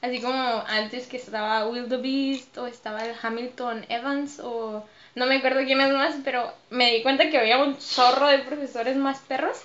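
A woman with a Mexican accent, a dancer and choreographer, telling stories as a podcast guest in a lively way, laughing often. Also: high voice, moderate pace, few pauses, muffled recording, slight background noise. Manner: lively, laughs often, acts out her own past remarks. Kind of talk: casual interview storytelling.

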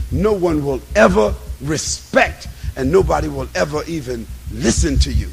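A man giving an impassioned religious and political lecture in a raspy voice, with an emphatic, repetitive preacher's cadence. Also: fairly high pitch, a little hiss or hum, poor audio. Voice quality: raspy, gravelly. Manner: emphatic, repetitive preacher's cadence, swinging between hushed and shouted.

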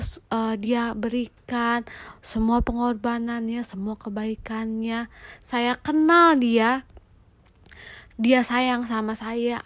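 A young adult woman giving a casual, earnest devotional talk, sometimes sinking to a soft near-whisper. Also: on the high side, no room sound. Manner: warm, earnest, drops to soft near-whispers on heartfelt lines. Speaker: devotional speaker.

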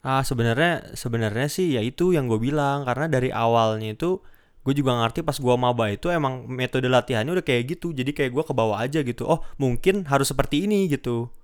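Young man chatting casually, smooth voice. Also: medium pitch, quick pace. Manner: relaxed, joking, laughs often. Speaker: host, futsal coach. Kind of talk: casual chat.

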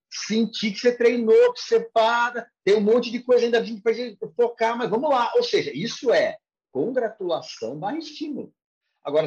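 A man with a Brazilian Portuguese accent, explaining language learning with emphatic, animated speech in a podcast interview. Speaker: language coach. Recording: muffled low-fidelity audio.

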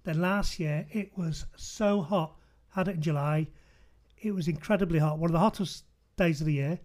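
A man's voice: fairly high pitch, normal speed, a little mellow. Chatty man hosting. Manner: chatty, leans on tag questions. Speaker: podcast host. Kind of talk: casual podcast chat.

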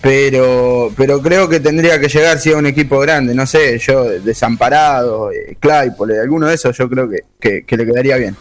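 A man's voice: mid-range voice, normal speed, few pauses. A man, making sarcastic, mock-serious wisecracks as a pundit on a comic football panel.

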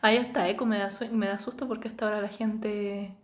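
A woman's voice: mid-range voice, fairly even intonation, quick pace. A young woman with a Chilean accent, co-hosting a podcast in chatty, slangy banter. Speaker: podcast co-host. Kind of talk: casual chat. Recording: roomy echo.

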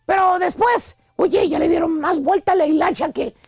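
A Mexican man hosts a radio comedy bit in a very high, gravelly voice. He tells the story with animated swings, shouting some lines and slowing right down on others for effect. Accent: Mexican Spanish. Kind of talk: comic storytelling routine.

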